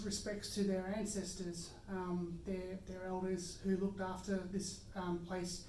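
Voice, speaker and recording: A woman's voice: fairly low pitch, darkish tone, slight background noise. An Australian woman hosting a podcast, upbeat and a bit hesitant, with many fillers as she chats. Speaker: podcast host. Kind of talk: casual conversation. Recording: echoey room, mic at a distance.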